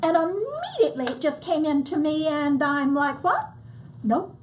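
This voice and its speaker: An older woman, a disaster relief volunteer, telling her story in a lively, casual way and acting out what people said. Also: high-pitched, normal speed, slight background noise. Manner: lively storyteller, acts out quotes. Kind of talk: casual testimony.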